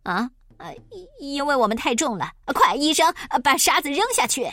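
A woman voicing a bold, excitable French balloon pilot who barks orders. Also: high voice, moderate pace, dry recording. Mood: urgent. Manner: brash, commanding.

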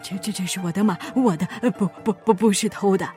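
A woman's voice: on the high side, expressive, a little slow, soft background music. A woman voicing a pompous, bullying middle-aged male magistrate in a storybook reading, blustering and stammering. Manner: blustering, shouting, stammering in panic.

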